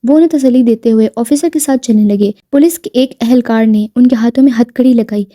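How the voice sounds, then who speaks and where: A woman narrating a romance novel aloud in a steady, even reading voice. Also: on the high side. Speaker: novel reader.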